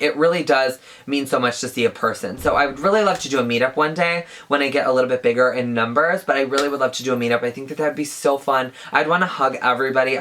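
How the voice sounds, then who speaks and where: With a rumbling low, slightly bright voice, a woman in her twenties who makes beauty videos on YouTube answers questions in a chatty vlog. "Like" crops up constantly in her speech.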